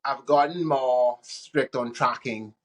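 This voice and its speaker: Probably in his thirties, this man from the Bahamas is a guest in a casual interview chat, talking in a relaxed, rambling way with frequent restarts. His voice is mid-range and he takes it slowly.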